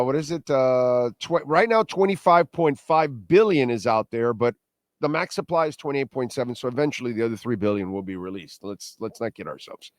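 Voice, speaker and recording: Man, show host, medium pitch, casual monologue, opinionated, emphatic, blunt salty slang, rhetorical questions, dry acoustics. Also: no room sound.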